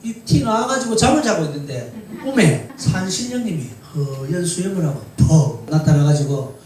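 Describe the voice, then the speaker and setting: A man telling folk tales and life lessons to older women in a lively, chatty way. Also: on the high side, normal speed. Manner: lively, chatty, animated retelling. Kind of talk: folk-tale storytelling talk. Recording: echoey room, distant mic, faint hiss.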